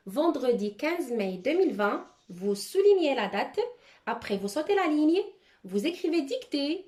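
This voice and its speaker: A woman's voice: sits high, a little mellow. A woman teacher giving a dictation lesson to children, articulating each word carefully and repeating it twice. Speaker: primary school teacher. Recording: roomy echo.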